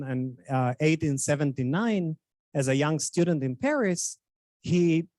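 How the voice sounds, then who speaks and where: A man delivers a formal introduction in a somewhat high voice. He speaks hesitantly, full of fillers and restarted phrases. The sound is dry and close. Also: a little mellow, dry recording. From Bulgaria. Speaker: Hebrew instructor introducing a guest speaker.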